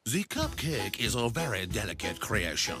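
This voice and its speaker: A man's voice: fairly low pitch, very animated, normal speed, bright, forceful tone. A man voicing a fussy, theatrical French chef with a French accent. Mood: grandiose. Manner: theatrical, precise. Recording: cartoon with music behind.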